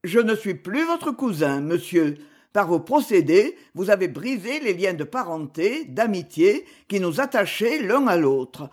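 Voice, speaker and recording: A man reading an old novel aloud, voicing an ailing aristocratic marquis who speaks slowly and formally. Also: high-pitched, very animated, a little mellow, full character voice. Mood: cold, weary. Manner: slow, grave and formal. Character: frail, dignified aging aristocratic marquis.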